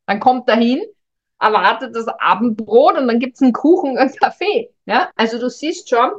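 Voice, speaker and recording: A middle-aged woman's voice, on the high side and moderately paced, delivers thoughtful, hesitant advice as a communication coach speaking directly to the listener. The reflective monologue comes through a dull lo-fi recording.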